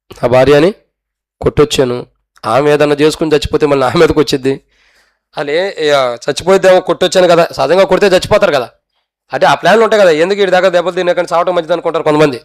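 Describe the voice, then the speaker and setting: A man preaching a sermon, telling a story dramatically and acting out its people, swinging from loud cries to hushed tones. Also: fairly high pitch. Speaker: pastor.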